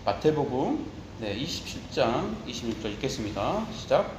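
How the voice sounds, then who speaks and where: A man's voice: mid-range voice, very animated, normal speed, reverberant, background noise. A man preaching a sermon as pastor, impassioned, shifting into tender quoted speech.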